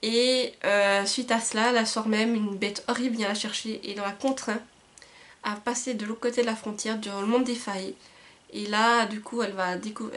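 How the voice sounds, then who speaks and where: A woman's voice: medium pitch, fairly bright tone. A young woman chatting casually about books to her camera, rambling with many fillers and restarts. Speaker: book vlogger. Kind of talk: casual book chat to camera. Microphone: camcorder mic.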